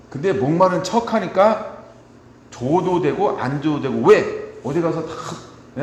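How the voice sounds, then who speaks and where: A middle-aged man preaching a sermon as pastor, chatty and personal, often checking with the congregation and swinging between soft asides and loud emphatic points. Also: a little high. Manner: conversational preaching, frequent rhetorical "right?" checks. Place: church sanctuary. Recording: echoey church hall with faint background noise.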